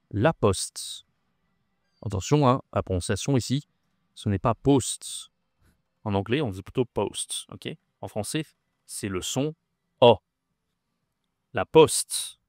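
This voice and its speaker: A man's voice: lowish voice, dry recording, clean studio sound. A man teaching French vocabulary. He is patient, repeats each word and often checks that the listener follows. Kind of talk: slow, clear vocabulary lesson.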